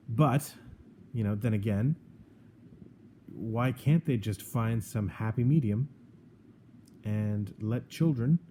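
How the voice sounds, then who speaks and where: A man's voice: on the low side, mellow, a little hiss or hum. A man co-hosting a podcast, talking in an opinionated, argumentative way with a sarcastic edge and frequent restarts. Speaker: podcast co-host. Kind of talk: opinionated casual chat.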